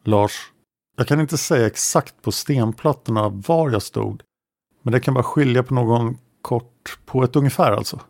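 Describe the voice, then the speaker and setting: A man narrating a true-crime podcast, reading an interrogation transcript aloud in a measured, matter-of-fact way and naming each speaker before their lines. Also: mid-range voice, vocal fry, a little mellow, dry recording, studio quality.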